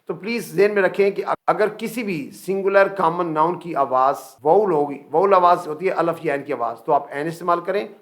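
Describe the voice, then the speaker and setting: A middle-aged man with a Pakistani accent teaching English grammar as a classroom lecture, explaining step by step and slowing down to say each English example. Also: on the high side.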